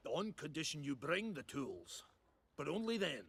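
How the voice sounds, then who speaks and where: An actor playing a sarcastic, boastful middle-aged blacksmith who laughs and teases in video game dialogue. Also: male voice, a little high, sing-song, slow, gravelly, a bit bright, breathy edge, full character voice.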